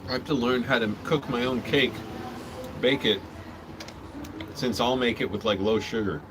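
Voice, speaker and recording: A man's voice: mid-range voice, steady tone, moderate pace. A man rambling casually while eating, talking with his mouth full. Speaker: vlogger. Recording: clearly noisy background hum.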